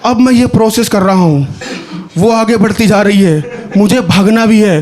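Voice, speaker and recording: High-voiced young man doing stand-up. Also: normal speed. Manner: animated, conversational storytelling with asides to the audience. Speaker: stand-up comedian. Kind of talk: stand-up comedy storytelling. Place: comedy stage with live audience. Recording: live show with crowd laughing. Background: audience laughter.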